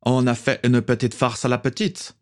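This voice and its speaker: A man's voice: medium pitch, level tone, normal speed, pitched above the performer's own voice, close to an everyday voice. A man voicing an easygoing adult male pirate with a German accent in a storybook reading.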